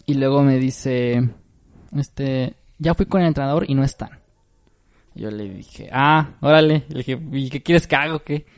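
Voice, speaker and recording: A man's voice: medium pitch, a little slow. A man telling a story to friends in casual, slangy talk, acting out the other people's voices. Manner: animated, slangy, acts out the voices in his story. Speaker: podcast co-host.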